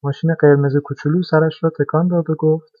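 A man narrating a children's storybook in a calm, expressive reading voice. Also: on the high side, no echo. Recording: dry, dull lo-fi recording.

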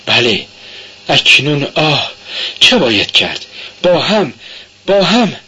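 A man voicing a desperate, tearful young woman who pleads in high cries. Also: sing-song, sharp tone, husky, full character voice. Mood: distraught.

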